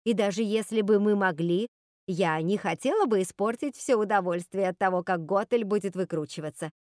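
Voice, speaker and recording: A woman's voice: medium pitch, fairly quick, darkish tone, no echo, clean studio sound, natural voice. A woman voicing a scheming, cruel witch sister who snaps and gloats. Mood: gloating. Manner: snappish, cold, gloating.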